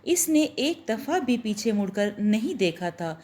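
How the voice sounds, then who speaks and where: A woman narrating a horror-romance story in a steady, expressive reading voice. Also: fairly high pitch, measured pace.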